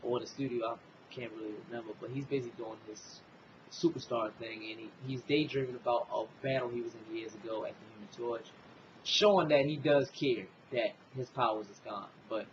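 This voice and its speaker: Male host for a casual comic review, rambling and filler-heavy, mid-range voice, dull lo-fi sound with steady background noise. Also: medium pitch, brisk. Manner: rambling retelling with many fillers and "basically".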